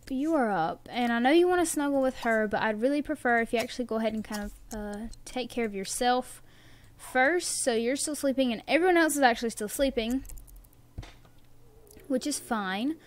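A young woman with a Southern American accent giving casual let's-play commentary, chatting to the game characters as she plays. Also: fairly high pitch. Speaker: gameplay commentator.

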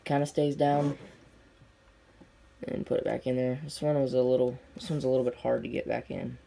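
This young man's voice is mid-range, gravelly and warm, with little pitch movement and a normal pace. A diecast collector reviewing on camera at an indoor tabletop display, he talks through an unboxing casually in plain, short, unscripted phrases, on a noisy home recording with clicks.

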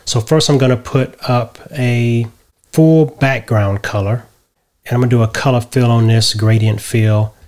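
A middle-aged man explaining a software tutorial step by step from a home office, often checking in with "right?". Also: medium pitch, unhurried. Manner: relaxed step-by-step explaining, tags lines with "right?". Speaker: tutorial host. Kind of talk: screen-share software tutorial.

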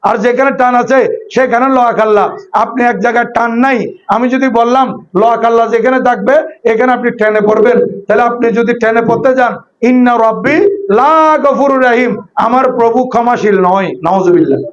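A man's voice: extremely high pitch, steady tone, fast. A man with a Chittagonian Bengali accent giving an emphatic, explanatory sermon with recited Arabic phrases. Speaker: Islamic scholar and preacher. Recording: dull lo-fi sermon recording.

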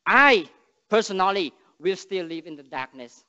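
A young man from Cambodia, speaking English with a Cambodian accent, gives an earnest church sermon and prayer, with halting phrasing and frequent restarts. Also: high-pitched, expressive, bright, forceful tone, clear, resonant tone. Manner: earnest, halting non-native English with restarts and emphatic rises. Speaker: missionary speaker. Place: large church sanctuary stage. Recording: long church reverb, dull sound.

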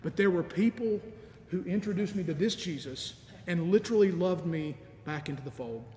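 In a big, empty sanctuary, a middle-aged man serving as deacon delivers a sermon, earnest and measured yet animated, with occasional soft laughter. A stand microphone sits before the lectern while the camera records from afar, and the church's long, echoing reverb carries a faint rumble.

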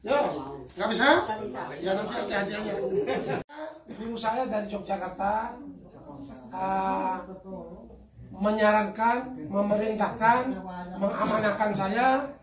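Older guy from madura hollering at a crowd, highish voice, echoey and far off the mic, lots of people around. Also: fairly even intonation, slow, pauses often. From Madura, Indonesia. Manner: loud, forceful, joking with the audience. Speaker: healer speaking at a charity event. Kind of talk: addressing a crowd.

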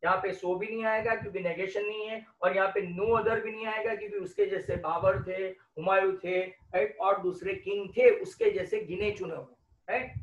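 A man with an Indian accent teaching an English grammar lesson, explaining slowly and asking the class questions, then answering them himself. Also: high-pitched, fairly even intonation. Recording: roomy, distant, dull lo-fi sound.

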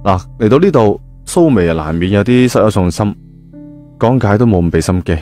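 On the low side and darkish in tone, this man's voice is brisk with lively intonation. He recounts a novel in a Cantonese accent using a relaxed, conversational manner and plenty of spoken particles, over a backing of music.

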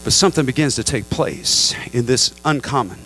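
A middle-aged male pastor preaching a Pentecostal sermon into a handheld mic, swinging from low, measured talk to high, fervent appeals and calling on the congregation to respond. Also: animated, sharp tone, soft background music. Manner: asks the crowd for response. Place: large church sanctuary with a congregation. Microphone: handheld microphone.

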